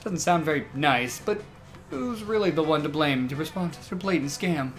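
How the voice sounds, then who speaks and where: A man's voice: on the high side, expressive, moderate pace, faint music behind. A man hosting and narrating a comedic game, moving between scripted narration and casual asides.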